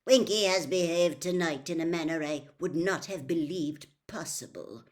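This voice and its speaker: A woman voicing a stern, pitiless male master in a storybook, with a cold, clipped, deliberate delivery. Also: low-pitched, lightly acted. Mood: cold anger.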